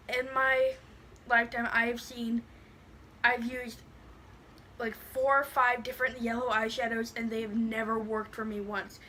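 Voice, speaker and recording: A woman's voice: on the high side, bright, forceful tone, a little hiss or hum, poor audio. A woman with a lisp that makes her s sound slushy, chatting casually and bluntly through a product review, rambling with lots of "like". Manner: blunt, rambling, heavy use of "like".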